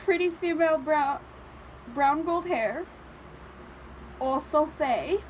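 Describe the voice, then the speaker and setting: A woman's voice: high voice, slow, slight background noise, low-quality recording. A young woman reacting to a book on her vlog, emotional and close to crying, swearing and stumbling over her words. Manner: excited, swearing, stumbling, near tears. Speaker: book vlogger.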